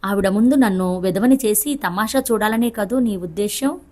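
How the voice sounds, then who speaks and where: A woman's voice: mid-range voice, moderate pace, a little mellow, natural voice. A woman voicing a young husband whose voice is tight with held-back anger, in a Telugu audiobook reading. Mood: angry. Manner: tight, menacing. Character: furious young husband, barely controlled rage.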